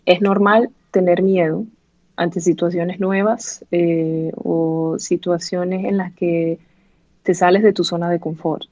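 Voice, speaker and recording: A woman in her thirties from Venezuela, working as a pathology resident, is the guest in a relaxed interview, speaking frankly with plenty of fillers and false starts. Her Venezuelan Spanish comes out slow and fairly even, in a low, somewhat dark voice. No echo is present, but the sound is dull and lo-fi.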